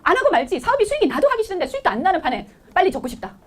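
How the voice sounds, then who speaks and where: A middle-aged woman delivers a blunt, indignant political speech at a breakneck pace. Her voice sits very high and swings up and down with lively intonation. She keeps firing rhetorical questions at the listener. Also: rapid-fire. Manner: emphatic, full of rhetorical questions. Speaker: political speaker.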